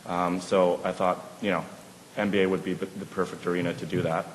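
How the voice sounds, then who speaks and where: A man in his thirties from Vancouver, answering as a panelist in a measured way with frequent fillers. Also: deep voice, little pitch movement, slight background noise. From Vancouver, Canada. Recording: echoey hall, faint ambience.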